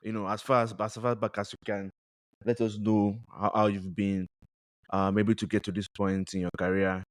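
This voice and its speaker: A man's voice: fairly low pitch, flat delivery, moderate pace, dry recording, studio quality. A man hosting a podcast, chatty and hesitant, often restarting his sentences. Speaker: podcast host. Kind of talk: casual interview chat.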